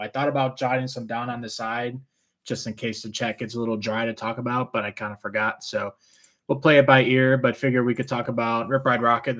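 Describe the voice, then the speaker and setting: A man's voice: medium pitch, a bit bright. A man with trouble saying his R's, which sound like W's, chatting casually and answering viewer questions as a rambling, easygoing live stream host.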